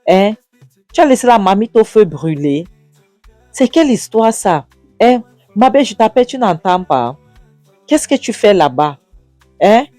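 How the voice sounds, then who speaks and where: A narrator acting out an indignant husband who scolds his wife, raising the pitch and repeating "Hein?". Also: normal speed, mellow, dry recording, faint music behind, close to an everyday voice.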